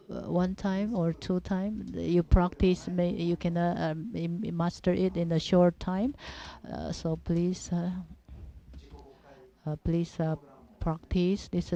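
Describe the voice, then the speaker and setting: A woman from Japan with a Japanese accent giving an informal religious teaching talk in halting, simple non-native English, repeating her phrases. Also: fairly low pitch, vocal fry, mellow. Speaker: religious seminar speaker. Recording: dull, muffled lo-fi audio.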